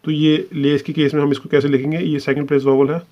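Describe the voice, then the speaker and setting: In an online shorthand lesson, a man with a slightly high voice talks fast and flatly, and the audio sounds dull. He walks through the material step by step, mixes English terms into his Hindi, and says "ठीक है" again and again.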